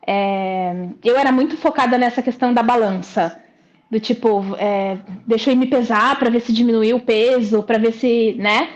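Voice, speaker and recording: A woman's voice: fairly high pitch, moderate pace, darkish tone. Chatty Brazilian woman on muffled audio. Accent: Brazilian Portuguese. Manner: chatty, reflective, frequent hesitations. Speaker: client giving a testimonial. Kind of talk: casual interview.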